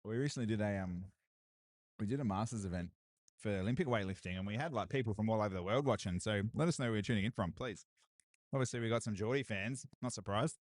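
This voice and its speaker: A man doing live, excitable commentary on a strongman deadlift event, hyping lifts and chatting with viewers. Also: lowish voice, quick pace, dry recording. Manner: excitable hype, repeated cheers and laughs. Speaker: livestream commentator.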